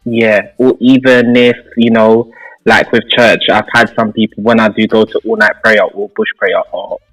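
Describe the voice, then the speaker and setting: A young man from London, England, chats casually and reflectively as a radio guest, with background music under the talk. His fairly low voice is flat and a bit bright at a moderate pace, and the recording quality is low.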